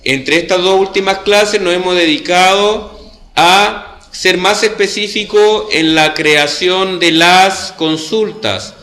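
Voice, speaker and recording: Chilean male teacher: a bright, step-by-step explainer who checks in with the class; echoey classroom sound. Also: sits high, slow. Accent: Chilean Spanish. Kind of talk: classroom lesson.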